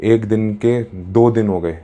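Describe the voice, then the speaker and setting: A man's voice: lowish voice, takes it slowly, mellow. A man telling a story in a casual, chatty way, mixing in English words, as a storyteller and happiness coach.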